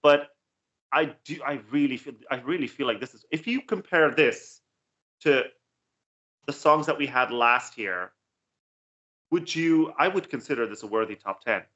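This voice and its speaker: A man co-hosts a casual reaction chat, laying out opinions in an analytical way. His voice is bright and forceful, and he often repeats words as he gathers a point. The recording sounds dull and lo-fi. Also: medium pitch, expressive, moderate pace, pauses often. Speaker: co-host reacting to songs.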